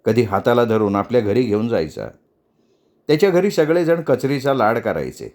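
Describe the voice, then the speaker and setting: A man reading a novel aloud as a storyteller, in a measured, even narration. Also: mid-range voice.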